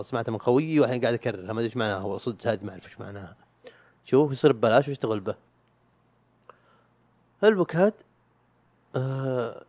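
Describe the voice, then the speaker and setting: Rapid, rambling man. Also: medium pitch, darkish tone, no room sound. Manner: rambling and self-mocking, with slang and swearing. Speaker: YouTube podcaster. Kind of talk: casual chat.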